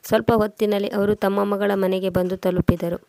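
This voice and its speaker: A woman narrating a family drama story in a steady, measured reading. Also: mid-range voice, vocal fry, no room sound.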